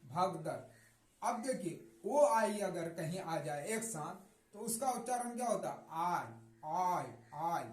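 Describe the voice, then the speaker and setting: A man with a Hindi accent teaching English pronunciation. He repeats each word several times and answers his own questions. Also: sits high. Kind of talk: classroom lesson on English pronunciation. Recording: echoey room.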